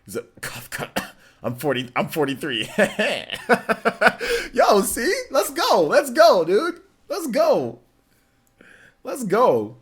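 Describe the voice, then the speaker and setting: Speaking very slowly in a high-pitched, slightly rough voice with huge pitch swings, a man in his forties hosts a livestream. He reads viewer messages and chats in a relaxed, rambling, slangy way.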